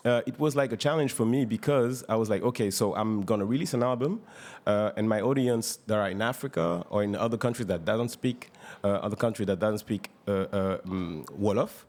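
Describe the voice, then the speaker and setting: A man's voice: fairly low pitch, brisk, darkish tone. A man from Senegal, a rapper guest talking casually on a live radio session, with many fillers and restarts. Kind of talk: casual interview talk.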